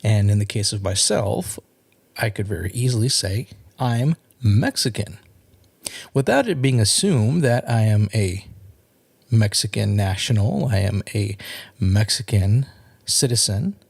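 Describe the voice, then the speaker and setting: Podcast host, male, gravelly voice that rises and falls widely, earnest solo monologue. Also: lowish voice, expressive, a little mellow. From California. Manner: earnest, measured, with repeated restarts.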